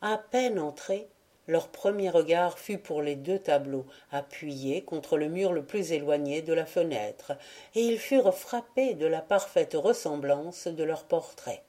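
A woman reading a classic tale aloud as an audiobook narrator, measured and lightly voicing the characters. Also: low-pitched, dark tone. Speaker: audiobook reader.

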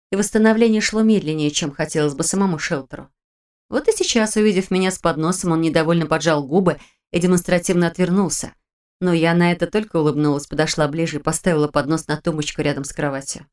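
A woman's voice: lowish voice, steady tone, fast talker, darkish tone. Woman narrating a fantasy audiobook.

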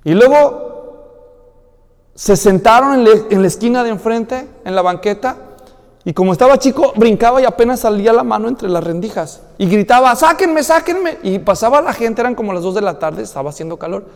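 A man with a Mexican Spanish accent preaching a sermon, telling the story in a lively way and acting out the voices of the people in it. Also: sits high, a little fast. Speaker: pastor. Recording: hall reverb.

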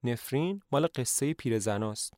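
A man's voice: medium pitch, animated, a little mellow, no echo, clean studio sound, lightly acted. A man voicing an earnest young male teacher in a narrated play, polite and a little hesitant.

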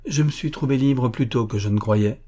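A man's voice: medium pitch, moderate pace, dark tone, natural voice. A man reading aloud, voicing a cheerful young student speaking to his mother in a light tone. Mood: cheerful, pleading.

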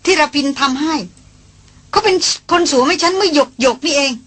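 A woman reading the part of a dazed, evasive young woman in an audiobook, speaking softly and pleadingly. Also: sits high, brisk, pitched above the performer's own voice. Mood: bewildered.

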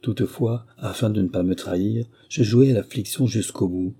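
A man reading a first-person memoir aloud as an audiobook narrator, in steady, measured storytelling. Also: fairly low pitch, creaky, breathy edge.

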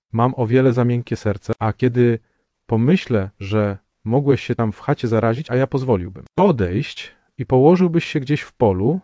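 A man voicing a calm young male wanderer who speaks with cold, friendly mockery. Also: medium pitch, no room sound, dull audio, natural voice. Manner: coldly ironic, calm.

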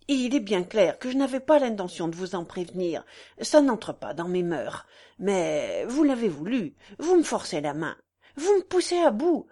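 A harsh, sneering husband in an audiobook drama, read by a woman, all bluster and scorn in a lively, rising and falling voice. He snaps and mocks with coarse bravado. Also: medium pitch, moderate pace, husky. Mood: hurried, harsh. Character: brutal sneering aristocratic husband, middle-aged man.

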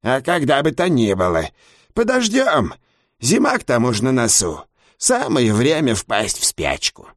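A man's voice: mid-range voice, huge pitch swings, a little slow, dry recording, clean studio sound, pitched above the performer's own voice. A man voicing a scheming female spirit of misfortune who speaks in a raised, emphatic voice, in an audiobook. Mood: cajoling.

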